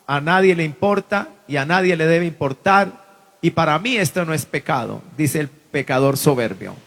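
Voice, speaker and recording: Fervent high-voiced male pastor preaching. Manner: fervent preaching that swells to shouts. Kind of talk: impassioned sermon.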